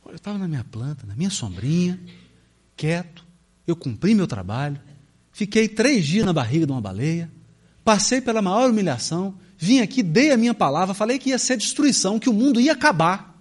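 A man's voice: sits high, big pitch swings. A man doing a whiny, sulking prophet. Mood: sulky, complaining. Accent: Brazilian Portuguese. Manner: rapid, whiny complaining. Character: sulky, self-pitying male prophet.

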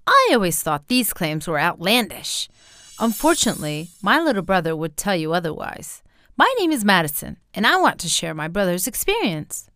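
Expressive woman storyteller, lively pitch. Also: slight background noise. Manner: expressive storytelling, acting out quotes. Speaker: narrator. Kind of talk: scripted story narration.

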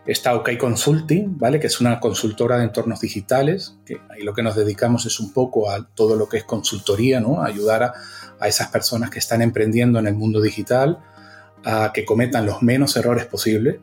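A man's voice: mid-range voice, brisk, darkish tone, soft background music. Enthusiastic man with Venezuelan-Canarian accent. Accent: mixed Venezuelan and Canarian Spanish. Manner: enthusiastic, frequent tag questions. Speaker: guest, agency founder. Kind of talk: casual interview.

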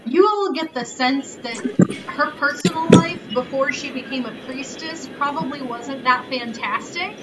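A woman's voice: high voice, a little slow, very noisy. A woman acting as game master, narrating the scene and voicing sound effects.

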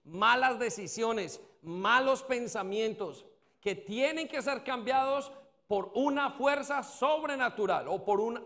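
A man's voice: extremely high pitch, animated, slow pace, pushed and bright. A male pastor preaching a sermon, leading the congregation in call-and-response and acting out the excuses of doubters.

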